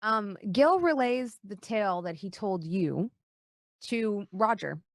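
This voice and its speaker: A woman's voice: mid-range voice, lively intonation, takes it slowly, no room sound, studio quality. A woman narrating an improvised tabletop fantasy game as game master.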